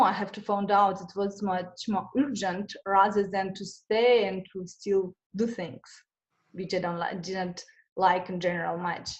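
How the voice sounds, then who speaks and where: A woman from Russia answers questions as a guest in a conversational interview. Her mid-range voice comes through a rough recording, and she sounds hesitant, using many fillers and restarting often.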